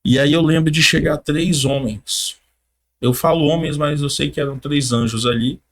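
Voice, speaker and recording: A man's voice: a little high, steady tone, moderate pace, a bit bright. A young man from Brazil, a podcast guest animatedly telling a personal testimony, often laughing and calling the listener "cara".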